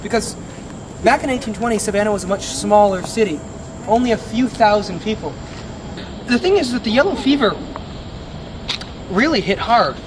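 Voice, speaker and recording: A man guiding a ghost tour, telling grim history in a dramatic, deliberate storytelling way with emphatic pauses, recorded outdoors. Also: high-pitched, animated. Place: outdoors on a city street by an old building. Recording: outdoor recording with clear city traffic noise.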